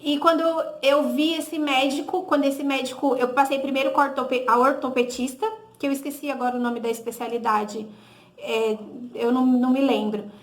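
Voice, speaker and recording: A woman with a Brazilian Portuguese accent gives a personal testimony in a high voice with fairly even intonation, at normal speed. She speaks conversationally, acting out past conversations with "he said, I said," often adding the tag "né?" and correcting herself. The room is echoey.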